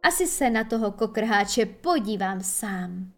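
A woman's voice: medium pitch, expressive, soft background music, natural voice. A woman voicing a cruel, mocking male pirate captain in an audiobook reading, with a sneering manner. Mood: scheming.

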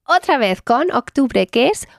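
A woman gives a one-on-one German lesson. She speaks slowly and patiently, praising and correcting pronunciation. The sound is dry and close. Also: high-pitched, big pitch swings, vocal fry, dry recording. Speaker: German language teacher.

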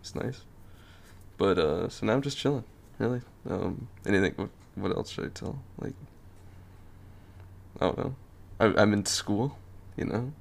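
Teen guy from north carolina, low gravelly voice, easygoing and jokey. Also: a little slow, long pauses. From North Carolina, USA. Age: teens. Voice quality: deep, gravelly voice. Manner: laid-back, joking, laughs often. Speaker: podcast guest. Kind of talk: casual chat.

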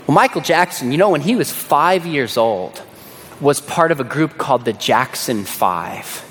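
Animated preacher in an echoey hall. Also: male voice, medium pitch, measured pace, slight background noise. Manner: dramatic storyteller, dropping to a hush on key words. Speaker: pastor. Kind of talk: sermon.

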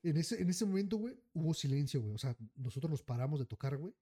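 Fairly high-pitched and a fast talker, this man with a Mexican accent is a podcast co-host telling a story in casual chat. He's animated, swears freely, attaches "güey" to nearly every phrase, and acts out the characters.

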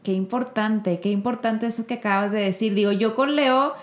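A woman hosts a casual podcast chat with a voice of middling pitch. She tells stories with lively energy and acts out the people in them. The room around her sounds roomy and echoey. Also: moderate pace. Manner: lively storyteller who acts out quoted voices. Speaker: podcast host. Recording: roomy echo.

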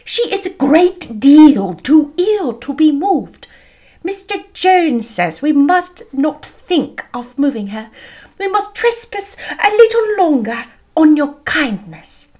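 Shrill-high, fussy, gushing mother. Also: very animated, slow, mellow, full character voice. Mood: anxious, insistent. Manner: effusive, exclamatory. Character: fussy, gushing, self-important middle-aged mother.

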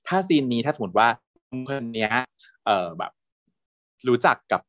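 Man, casual chat, animated and chatty, medium pitch, dry close sound. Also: normal speed, no room sound. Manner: animated, chatty, laughs often, playfully coarse. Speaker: podcast co-host. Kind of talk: casual chat recapping a TV drama.

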